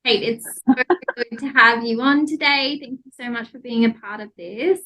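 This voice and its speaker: A woman with an Australian accent hosts a podcast, opening with a scripted introduction before a friendly interview. Her voice is a little high and bright with a forceful tone, at normal speed, though the audio is poor.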